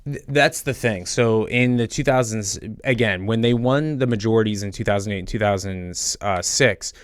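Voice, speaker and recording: Low dry-sounding guy yapping about elections, jokey asides, nerdy and lively. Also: smooth, no echo. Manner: animated, self-described nerd, quick jokey asides. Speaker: podcast co-host. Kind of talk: casual political chat.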